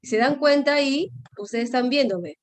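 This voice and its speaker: A woman's voice: high voice, fairly quick, dry recording. A woman teaching a grammar class, explaining patiently and checking often with her students. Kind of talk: online class lecture.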